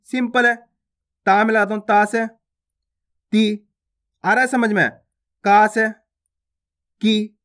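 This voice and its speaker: Male teacher, high voice, patient and repetitive, calls viewers friends. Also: a bit bright. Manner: patient, repetitive drilling of syllables. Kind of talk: reading lesson for beginners.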